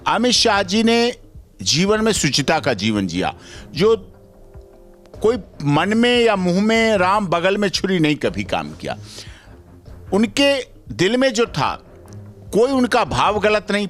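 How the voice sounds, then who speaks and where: A man's voice: high voice, fairly bright tone. A middle-aged man, a senior advocate, giving emphatic commentary in a news interview with repetitive, speech-like rhetoric.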